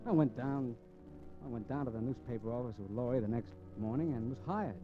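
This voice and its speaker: An actor plays the lead and first-person narrator of a 1950s radio crime drama, a cocky, restless drifter crook with slangy, wisecracking tough-guy talk, here narrating reflectively. His voice is medium-pitched, a little fast, and close to everyday speech, on a muffled vintage 1950s recording with faint music.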